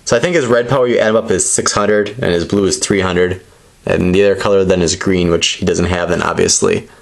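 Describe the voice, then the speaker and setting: A man's voice: low voice, steady tone, brisk, gravelly. A man giving casual, unscripted commentary as he presents trading cards, explaining things in a rambling, tentative way. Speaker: presenter opening trading card packs.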